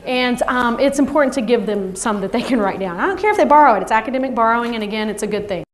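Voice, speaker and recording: Animated woman leading a teacher workshop. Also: on the high side, quick pace. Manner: lively, animated, acts out kids' voices. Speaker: teacher trainer. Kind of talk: workshop presentation.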